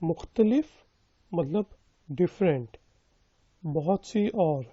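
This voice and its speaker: A man's voice: on the high side, expressive, breathy edge, dry recording, lo-fi sound. A man teaching a language lesson, repeating each sentence several times and splitting it word by word before explaining its meaning. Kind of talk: slow, repetitive phrase drilling with explanations.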